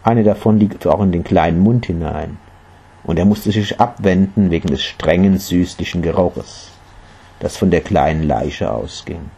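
A man narrating a story in a measured, quiet storytelling manner. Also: sits low, gravelly, breathy edge.

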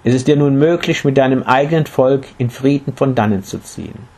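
A man's voice: mid-range voice, fairly quick, a little mellow, breathy edge. A man voicing a mighty human king in a read-aloud fable, speaking in stately, formal words. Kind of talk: storybook reading.

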